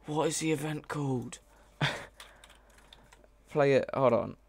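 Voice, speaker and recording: Speaking very slowly in a fairly high voice with vocal fry, a mod developer streams live as he codes. He chats casually and reasons out loud, often hesitating and revising what he says.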